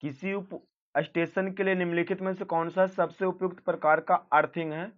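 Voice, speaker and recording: Male teacher, fairly high voice, reads questions and gives answers for exam practice, dull lo-fi audio. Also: steady tone, moderate pace. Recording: dull lo-fi recording.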